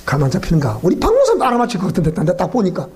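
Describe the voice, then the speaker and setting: A man's voice: high-pitched, wildly swooping pitch, racing, darkish tone. A male pastor with a Gyeongsang accent, preaching in a joking way, quizzing the congregation and laughing often. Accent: Gyeongsang Korean. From South Gyeongsang, Korea. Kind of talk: sermon at a weeknight Bible school. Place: church.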